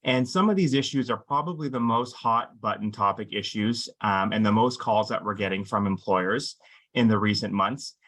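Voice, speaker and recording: Measured man explaining law. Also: lowish voice, a bit bright. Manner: measured, explanatory, frequent "um" fillers, stresses key words. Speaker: employment lawyer presenting a webinar. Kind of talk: scripted-ish legal presentation to employers.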